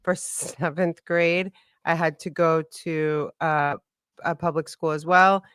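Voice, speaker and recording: A young woman from the Washington DC area, a guest on a podcast, chatting casually and animatedly with quick asides. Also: deep voice, fairly even intonation, fairly bright tone, smooth, no echo, clean studio sound.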